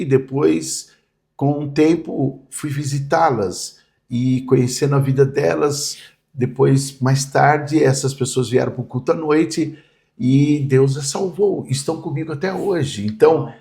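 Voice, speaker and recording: A man's voice: mid-range voice, a little slow, creaky, dark tone. A man, a pastor vividly telling stories in a podcast interview. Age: 60s. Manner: vivid storyteller, acts out quoted voices.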